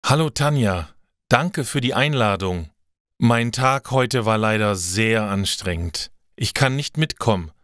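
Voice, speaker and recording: A man's voice: fairly low pitch, expressive, unhurried, a bit bright, no room sound, studio quality. A man voicing a tired young female nurse who answers her friend politely in a learner's story.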